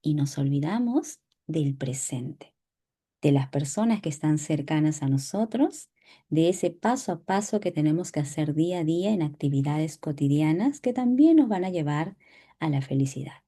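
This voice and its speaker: Woman host for a reading club, warm lowish voice, measured and reflective. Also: lively intonation, slightly rough. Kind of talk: live reflective reading talk.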